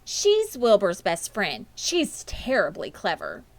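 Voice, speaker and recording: A woman's voice: medium pitch, huge pitch swings, slow, gravelly, no echo, exaggerated voice. A woman voicing an eager, earnest young farm girl in a children's storybook, thoughtful and matter-of-fact. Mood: enthusiastic.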